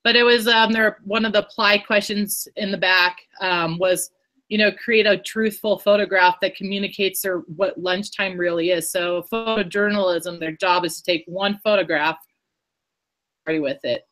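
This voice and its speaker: A woman teacher talks through how she built a lesson. Her voice is bright and forward. She rambles in a chatty way and restarts her sentences often. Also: medium pitch, steady tone, normal speed. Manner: rambling, self-correcting, chatty. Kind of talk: casual explanation in an online workshop.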